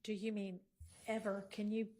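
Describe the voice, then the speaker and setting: A woman's voice: medium pitch, level tone, normal speed, warm tone, slight background noise. A woman serving as judge, giving brief procedural rulings, heard on a courtroom recording. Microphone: courtroom microphone at a distance. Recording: courtroom feed picked up from a distance.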